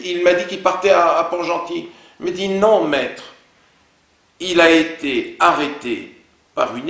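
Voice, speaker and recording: Gravelly man telling a story in a roomy room. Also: fairly high pitch. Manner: animated storytelling, quoting others' words in dialogue. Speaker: interview guest. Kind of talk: recounting events in an interview.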